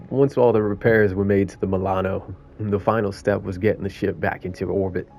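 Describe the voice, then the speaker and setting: A man's voice: low-pitched, steady tone, brisk, vocal fry, a little mellow. A man reading the lines of a sarcastic male raccoon mechanic in a game, with a weak put-on New York accent. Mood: wry. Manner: reading game dialogue aloud. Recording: muffled lo-fi audio, faint game music.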